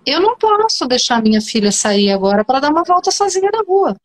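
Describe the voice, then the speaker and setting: A woman's voice: sits high, big pitch swings, fairly quick. A Brazilian woman psychoanalyst talking animatedly as a guest in an online interview, emphatic and often restarting her sentences. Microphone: video call.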